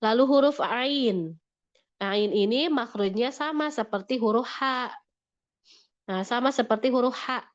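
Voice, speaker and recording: A woman's voice: fairly high pitch, measured pace, muffled recording. A woman teaching Quran recitation in an online class, patiently modelling each sound and repeating corrections. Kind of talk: online tajwid lesson.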